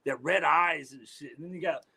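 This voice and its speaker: Here a musician guest chats loosely in an interview, cursing plenty and drifting into filler words. His deep voice moves at a moderate pace, bright and forceful, with vocal fry and a breathy edge.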